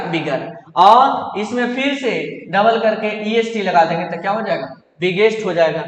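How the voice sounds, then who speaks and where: Male grammar teacher with a high voice who drills by question and answer, recorded in a roomy, echoing hall. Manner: asks questions and answers them himself, repetitive drilling. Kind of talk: classroom grammar lesson in Hindi. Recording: echoey hall, roomy reverb.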